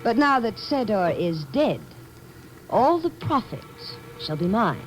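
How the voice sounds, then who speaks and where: A woman's voice: medium pitch, big pitch swings, takes it slowly, slight background noise, rough recording. An actress playing a cold-blooded, mocking woman doctor villain in theatrical old-time radio drama style. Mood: cold gloating. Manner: theatrical, coolly menacing, mock-affectionate. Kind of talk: 1940s-50s radio drama acting. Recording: old radio recording with music.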